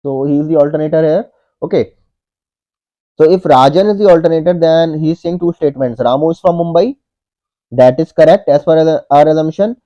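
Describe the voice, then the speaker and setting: A man's voice: on the high side, brisk, dark tone. A man in his thirties, an online tutor, working through a logic puzzle step by step, repeating each point and saying "okay" often. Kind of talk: whiteboard puzzle walkthrough. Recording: dull lo-fi audio.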